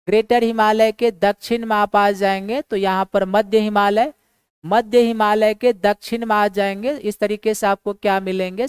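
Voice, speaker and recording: A woman teaching a geography class in a smooth, resonant voice at an ordinary middle pitch. She keeps posing questions to her students and answering them herself, and repeats the key points. The sound is dry and close. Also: a little mellow, dry recording. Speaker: geography teacher for exam prep. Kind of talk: classroom lecture.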